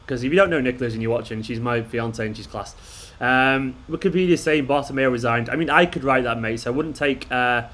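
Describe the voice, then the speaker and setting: A man at a middle pitch, running a casual live stream from home near midnight. He talks in an excitable, jokey way, greeting viewers and firing back at their comments. Underneath the enthusiasm he sounds worn out. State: tired. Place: at home late at night.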